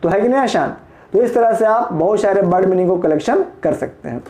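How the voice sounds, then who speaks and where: A man's voice: high-pitched, animated, a little fast, dark tone, echoey room. A male teacher from Bihar giving a patient, explanatory vocabulary lesson, spelling words letter by letter and asking the class questions. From Bihar, India.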